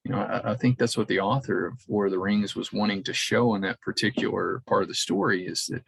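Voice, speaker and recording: A man preaching a conversational sermon in a church, halting often and repeating words as he restarts his sentences. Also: fairly low pitch, creaky, a bit bright, slightly rough, poor audio.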